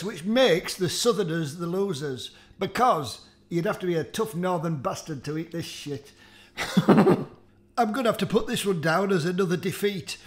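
A man hosting a comedic food-tasting vlog, swearing and complaining theatrically as he groans his way through the food. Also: sits high. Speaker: food challenge host.

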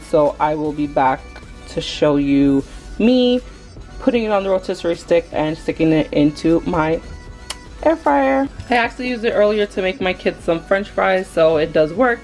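A young woman with a slightly low voice chats to her viewers as she cooks at home. She talks as she works and gets excited easily. A little music plays faintly under her voice. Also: rough recording. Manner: chatty, excitable, talks to viewers while working. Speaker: cooking vlogger. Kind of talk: casual cook-along narration. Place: home kitchen, indoors.

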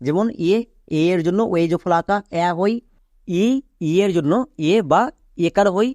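Guy with a high voice teaching english reading, dry close sound, keeps asking and answering his own questions. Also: unhurried, darkish tone, no room sound. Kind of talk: video lesson.

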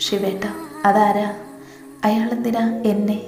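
A woman's voice: mid-range voice, little pitch movement, slow pace, darkish tone, soft background music. A woman voicing a timid young village woman who speaks hesitantly and stammers, in an echoey room. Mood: frightened.

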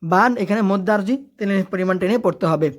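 In her tajweed lesson, a woman of medium pitch moves back and forth between brisk talk about the rules and unhurried, stretched-out chanting of verses.

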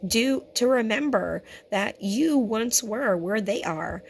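Hoarse lady teaching scripture to her viewers, chatty and earnest, bit of faint hiss behind. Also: fairly high pitch, lively intonation, slow. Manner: earnest and conversational, addresses viewers as brothers and sisters. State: hoarse, keeps clearing her throat. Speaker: teacher of a Torah fellowship. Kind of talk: home-made teaching video.

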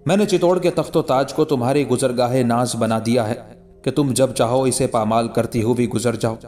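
A man's voice: medium pitch, darkish tone, lightly acted. A man reading as a scheming, coaxing king.

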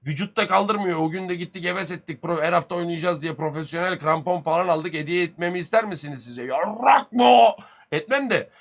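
A man in his thirties, a streamer chatting casually with his viewers, joking crudely and swearing a lot, swinging between loud bursts and mutters. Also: on the high side, quick pace, hardly any pauses. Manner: lively, swings loud and soft.

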